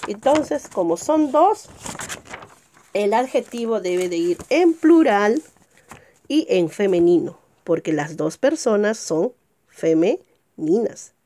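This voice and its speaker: Warm and expressive, a woman teacher leads a recorded grammar lesson, tossing out rhetorical questions to check comprehension. She slows to emphasize example words, and her pitch rises sharply at the start of every new point.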